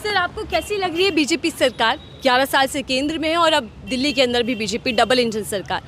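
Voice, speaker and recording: Woman street reporter, high pitch, outdoor vox-pop, challenging tone. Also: lively intonation, fairly quick, a bit bright, some chatter behind, slight background noise. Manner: pointed, challenging questions.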